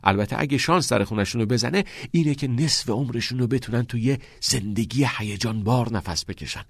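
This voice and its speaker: A man voicing an eager, theatre-mad teenage boy who talks in quick, excited bursts. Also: medium pitch, no echo, studio quality, close to an everyday voice.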